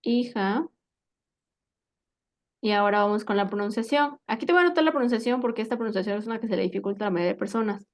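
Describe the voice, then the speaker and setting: A woman's voice: medium pitch, fast. A woman teaching an English lesson, patiently checking her students understand with frequent questions. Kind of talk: spoken language lesson.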